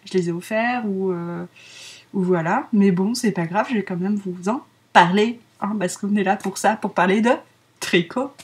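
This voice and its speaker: A woman's voice: medium pitch, normal speed, breathy edge. French woman, podcast host, giggly, rambling, casual chat, many fillers.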